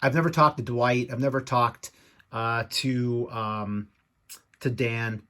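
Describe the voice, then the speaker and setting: A man in an annoyed, rambling rant to camera, speaking off the cuff, halting and repeating himself as he vents. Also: medium pitch, steady tone, fairly bright tone. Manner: annoyed, ticked-off venting. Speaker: YouTube toy collector and podcast co-host.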